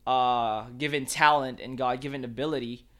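He is a laid-back Filipino photographer in casual conversation, using "like" and "man" again and again. His voice is medium-pitched, steady and a bit bright, at a moderate pace.

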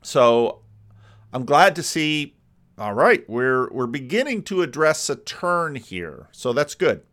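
A man's voice: medium pitch, sing-song, slow, a bit bright. A man casually commenting on a sermon he is playing, hedging often with "sort of".

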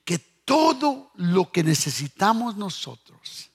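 A man preaching a fervent sermon as pastor, switching between shouted sing-song lines and low, quiet murmurs. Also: very animated, slow, breathy edge. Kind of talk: Pentecostal-style sermon. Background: music playing.

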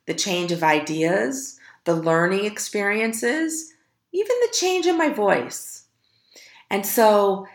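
A woman hosting a podcast, giving an earnest, encouraging motivational talk with slow, emphatic delivery. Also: lowish voice, creaky, roomy sound. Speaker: podcast host.

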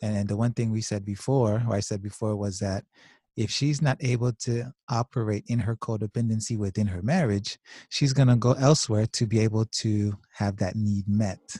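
A man on a podcast with a low, mellow voice, speaking in a thoughtful, measured way with frequent small restarts. He sounds like a clinician weighing his words in a casual discussion, and the recording is dry and close. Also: fairly even intonation, no room sound. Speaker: podcast host, clinical social worker.

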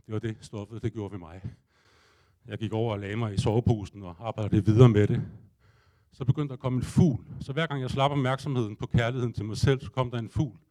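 A man's voice: medium pitch, steady tone, mellow. A man spins a comic first-person tale for a live audience in a loose, conversational way. He throws himself into his own panic and inner thoughts, and his speech is peppered with casual swearing. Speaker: storyteller addressing a live audience.

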